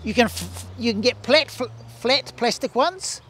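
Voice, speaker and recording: Very high and lively in intonation, his voice moves at normal speed, sounds a bit bright, and carries a little hiss or hum. He is a New Zealand bee scientist in his sixties, demonstrating hive equipment outdoors in a garden next to the beehives, with restarts and gestures.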